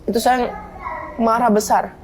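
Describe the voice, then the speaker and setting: Gravelly-voiced woman telling a lively story. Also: a little high, a little slow, a little hiss or hum. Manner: animated storyteller acting out quoted dialogue with slangy asides. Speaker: guest telling her life story. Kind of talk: casual interview chat.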